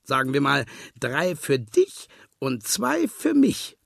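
A man's voice: medium pitch, huge pitch swings, slow, creaky, a bit bright, dry recording, clean studio sound, exaggerated voice. A man voicing a sly, lazy fox that grumbles and schemes in a storybook reading. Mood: scheming. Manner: grumbling, wheedling.

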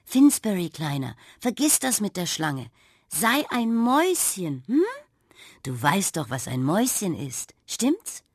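A woman voicing a kind, clever young girl in a children's radio story, coaxing and brisk. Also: fairly low pitch, sing-song, slightly rough, no echo, studio quality, pitched above the performer's own voice, heavily acted. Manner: coaxing, brisk and quick-thinking.

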